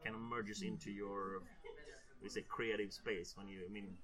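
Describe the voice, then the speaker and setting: A man's voice: fairly low pitch, level tone, moderate pace, fairly bright tone. A man who founded a game company, answering interview questions hesitantly, with many restarts. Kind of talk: conversational interview.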